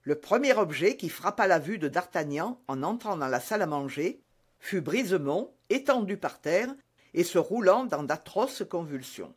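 A man reading a classic novel aloud as an easy-reading audiobook, clear and deliberate. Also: high-pitched, sing-song. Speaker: narrator.

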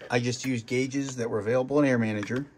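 Guy showing off his home sim cockpit, kinda rambly, middle pitch, little bit of background hiss. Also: fairly even intonation, fast, darkish tone. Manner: rambling, with many fillers and restarts. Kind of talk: casual show-and-tell walkthrough.

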